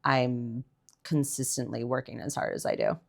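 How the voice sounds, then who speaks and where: Brief: woman in her young adult years, low-pitched voice, candid podcast guest, filler-heavy, blunt. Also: flat delivery, normal speed, vocal fry. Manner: chatty, heavy filler "like", blunt and swears casually. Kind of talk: candid conversational interview.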